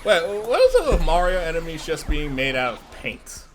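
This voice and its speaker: A man's voice: on the high side, huge pitch swings, moderate pace, faint music behind. A man casually commenting on a video game with friends, joking and rambling with restarts. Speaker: let's play commentator.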